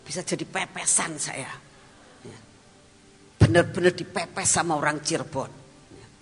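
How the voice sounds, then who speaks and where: A woman evangelist, preaching a storytelling sermon, animated and laughing, then dropping to whispered asides. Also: low voice, a little slow, breathy edge, long reverb tail, faint music behind.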